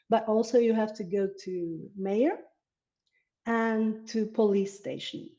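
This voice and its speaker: Warm-voiced woman. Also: mid-range voice, lo-fi sound. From Slovakia. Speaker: herb farmer and interview guest. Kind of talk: casual interview over video.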